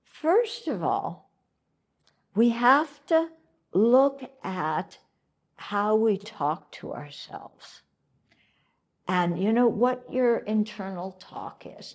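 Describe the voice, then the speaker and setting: A woman speaks slowly with a husky, slightly breathy voice, giving self-help advice. She coaxes her listeners with rhetorical questions and keeps checking in with them, now and then gently teasing. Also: mid-range voice, very animated. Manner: coaxing, asks rhetorical questions, often checks in with "yeah?". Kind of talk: self-help talk to camera.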